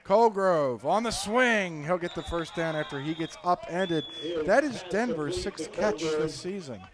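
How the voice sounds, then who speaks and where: A man's voice: fairly high pitch, moderate pace. A man calling a college football game live as play-by-play announcer, joking with his partner between plays. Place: press box at a football stadium. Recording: crowd noise behind.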